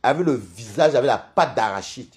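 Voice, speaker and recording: Chatting with his live-stream audience at a moderate pace, a Cameroonian man with a medium-pitched voice and a Cameroonian French accent rambles through gossip. He stays animated throughout and laughs frequently.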